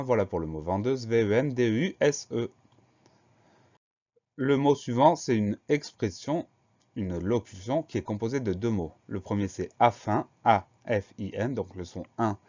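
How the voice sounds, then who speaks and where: A man teaching a spelling lesson, spelling each word letter by letter in a slow, deliberate way. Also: on the low side, warm tone. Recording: dull lo-fi recording.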